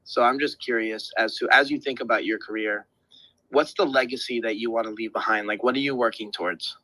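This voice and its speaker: A man hosting a podcast interview, relaxed and chatty, often stumbling and repeating words. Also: mid-range voice, fairly quick, dry recording, rough recording. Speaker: podcast host. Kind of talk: casual interview chat.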